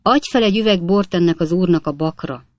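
A woman playing a jolly bossy old gentleman. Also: on the low side, dry recording, lightly acted. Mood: jovial. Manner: bossy, cheerful and hasty.

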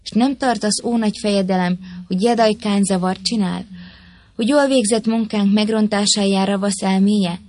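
A woman's voice: medium pitch, steady tone, a little mellow, natural voice. A woman reading the lines of a humble, courteous male foreign envoy in a historical tale, deferential and polite.

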